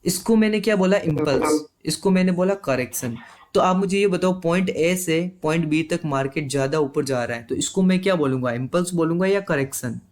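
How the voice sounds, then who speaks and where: A man's voice: on the high side, a little fast. A man teaching a live online trading class. He explains step by step and keeps checking with his students.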